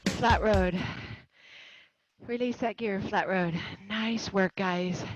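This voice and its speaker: A woman's voice: mid-range voice, slow pace. A woman instructing an indoor cycling class, encouraging and commanding as she calls out cues and countdowns. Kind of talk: motivational fitness class coaching. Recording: loud music over the voice. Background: loud pop workout music.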